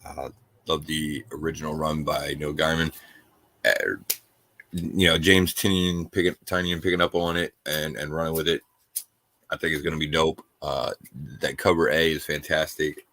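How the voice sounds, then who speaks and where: Guy w a really deep voice, dry close sound, easygoing comic chat, says you know a lot. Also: flat delivery, normal speed, sharp tone, dry recording. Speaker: comic podcast co-host. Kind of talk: casual chat.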